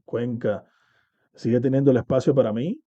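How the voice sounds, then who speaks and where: A man's voice: mid-range voice, steady tone, normal speed, dark tone, no echo, dull audio. A man from Cuba, talking casually and reflectively as an interview guest, often checking in with "¿entiendes?". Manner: reflective, uses many fillers and "¿entiendes?".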